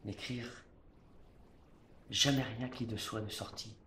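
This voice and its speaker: Man acting a slow, theatrical Cyrano, proud and scornful. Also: close to an everyday voice. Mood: quiet pride. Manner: hammy stage-actor declamation, swinging from hushed to booming. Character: proud defiant poet-swordsman, scornful and theatrical. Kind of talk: classical French stage verse monologue. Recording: roomy echo, faint background noise.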